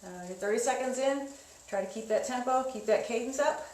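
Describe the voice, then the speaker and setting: A woman's voice: fairly high pitch, fairly quick, darkish tone. A woman leading an indoor cycling class, giving encouraging coaching cues and guided instruction. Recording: echoey room with faint noise.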